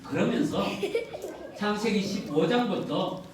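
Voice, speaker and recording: A man's voice: high voice, animated, measured pace, background noise. A male pastor preaching a sermon in a chatty way, often asking the congregation rhetorical questions. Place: church sanctuary. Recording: very echoey hall, voice from a distant mic.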